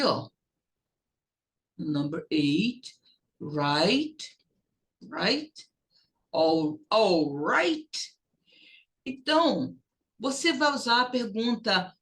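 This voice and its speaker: Slow, deliberate woman teacher drilling phrases. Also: medium pitch, fairly bright tone. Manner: slow, drawn-out drilling of English phrases for students to repeat. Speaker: English teacher. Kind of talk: recorded classroom lesson.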